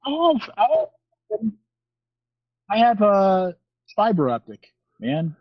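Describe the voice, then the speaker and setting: A man's voice: high-pitched, huge pitch swings, slow pace, no echo, dull audio. A man co-hosting a podcast in casual chat, joking and teasing, heard over a glitchy internet call connection. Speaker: podcast co-host.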